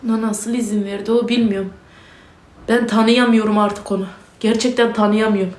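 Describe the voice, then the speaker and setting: A woman's voice: medium pitch, steady tone, fairly quick, darkish tone, reverberant. A distraught woman ranting in an emotional vlog, agitated, repeating herself, cursing and crying out to God. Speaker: vlogger.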